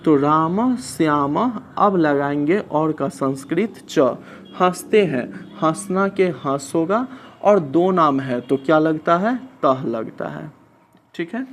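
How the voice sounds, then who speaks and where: Male tutor, unhurried and methodical, talks students step by step through translation drills, slightly raised pitch. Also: a little hiss or hum. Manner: slow, patient, asks and answers his own questions. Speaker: Sanskrit teacher. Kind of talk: classroom lesson explaining translation.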